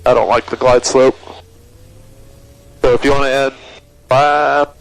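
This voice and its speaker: A man coaching as a flight instructor over a cockpit intercom, giving calm, reassuring instructions through an aviation headset. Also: mid-range voice, unhurried, gravelly, no room sound, poor audio. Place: small aircraft cockpit in flight. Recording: intercom radio audio with aircraft cabin noise.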